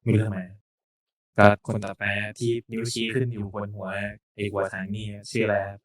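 Male podcast host, lower register, casual, joking chat. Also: little pitch movement, a little fast.

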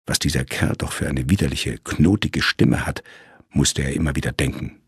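A man narrating a crime audiobook in measured storytelling. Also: very deep voice, fairly even intonation, husky, dry recording, clean studio sound.

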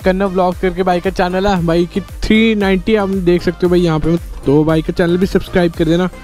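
A young man riding through city streets, narrating a casual vlog and calling out excitedly to his viewers. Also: high voice, a little fast. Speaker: moto vlogger. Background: music.

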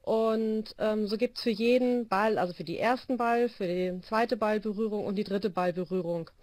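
This volleyball coach, a woman in her forties, talks through her training system at a normal speed in a mid-range, slightly mellow voice. She's on a video call interview with a phone held to her ear, in a small room without echo, filling her explanation with frequent hesitations.

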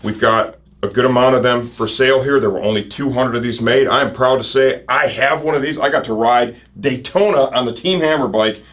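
A man's voice: mid-range voice, a little fast, hardly any pauses, a bit bright. Upbeat male shop promo host. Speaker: host of a motorcycle gear shop show. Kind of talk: casual sales promo presenting. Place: indoor shop set.

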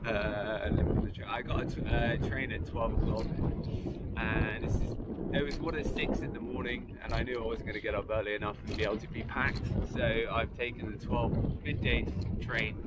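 A man's voice: on the low side, fairly even intonation, normal speed. A man in his thirties chatting casually to camera while cycle touring, rambling with restarts and small laughs. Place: windy seaside street outdoors. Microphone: action camera close to the face. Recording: loud wind and traffic noise.

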